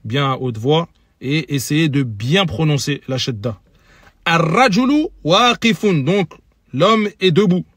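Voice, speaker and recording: Slow, high-voiced male teacher. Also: expressive, husky, no room sound, studio quality. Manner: slow, careful, repeats each example word aloud. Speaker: Arabic teacher. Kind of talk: recorded lesson, patient explanation.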